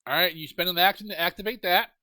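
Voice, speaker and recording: A man's voice: sits high, fast, bright, forceful tone, dry recording. A man running an online tabletop game as game master, patiently explaining the rules and describing the scene.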